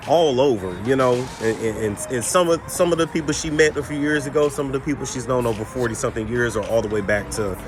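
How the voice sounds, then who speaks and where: A man in his thirties talks straight to his viewers in a loose, rambling, slang-heavy vlog voice, swearing freely. His pitch sits right in the middle. Music plays clearly behind him. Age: 30s. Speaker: vlogger. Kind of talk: casual vlog chat.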